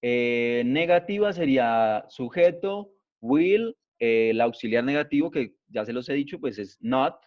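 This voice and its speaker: A male teacher giving an online grammar class, explaining slowly and patiently and checking in after each point. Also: medium pitch, lively intonation. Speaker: English teacher. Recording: dull lo-fi online class audio.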